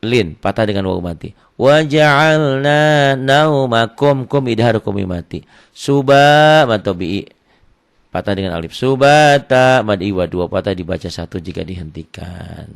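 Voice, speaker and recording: A man teaching Quran recitation rules online, explaining plainly and then chanting verses slowly and loudly. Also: sits low, gravelly. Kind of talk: online tajwid lesson.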